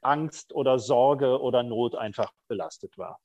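A man's voice: mid-range voice, measured pace, darkish tone, no room sound, muffled recording. A middle-aged man, a prison chaplain, speaking candidly and thoughtfully in an interview, with frequent hesitations. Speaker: prison chaplain, podcast guest. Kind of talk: reflective conversational interview.

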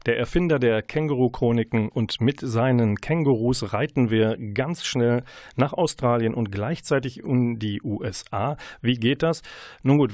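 Ein Radiomoderator stellt locker Bücher und Hörbücher vor, oft mit kleinen Ähs. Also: male voice, mid-range voice, a little mellow, dry recording, studio quality. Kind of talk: Radiomoderation, Buchvorstellung.

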